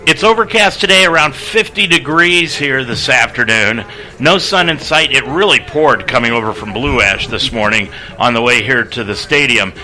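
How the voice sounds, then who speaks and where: On a college football pregame radio broadcast, a male play-by-play announcer briskly runs through scores, stats and lists of names. His voice is medium-pitched with a sharp tone, and the audio quality is poor.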